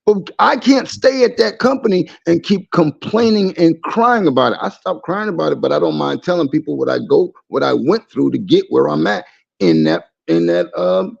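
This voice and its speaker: An American man in a casual debate, speaking insistently in halting, repeated phrases through dull lo-fi sound. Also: a little high, lively intonation, creaky, a little mellow, slightly rough. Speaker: panel discussion participant.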